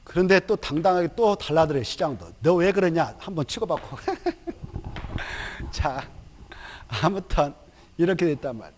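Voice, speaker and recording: A male lecturer with a fairly high voice teaches a recorded exam-prep course. He talks in a lively, chatty way, throws questions at his students and answers them himself, and slips into quick acted-out asides. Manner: acts out officials in quick quoted asides.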